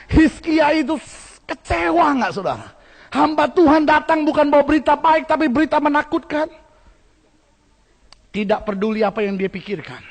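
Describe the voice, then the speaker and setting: High, gravelly, husky-voiced preacher. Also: male voice. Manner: animated, calls out to the congregation. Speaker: pastor. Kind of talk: sermon.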